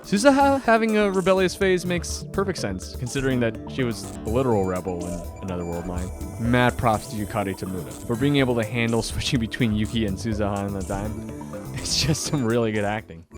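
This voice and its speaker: The host of this scripted commentary video, an anime fan, speaks fairly quickly in a fairly low voice. His delivery is enthusiastic and dramatically emphatic, with music in the background.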